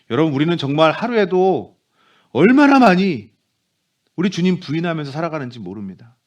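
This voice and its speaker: A man preaching a Sunday sermon as pastor, animated, dropping into soft low voices for quoted speech. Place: church sanctuary.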